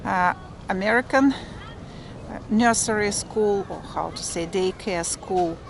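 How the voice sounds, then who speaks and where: A woman with a Russian accent chatting casually for a walk-and-talk vlog, explaining things haltingly as she searches for English words. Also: mid-range voice. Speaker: vlogger. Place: outdoors, walking through a provincial town. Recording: clearly noisy outdoor street ambience, vehicles. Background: urban outdoor noise and vehicles.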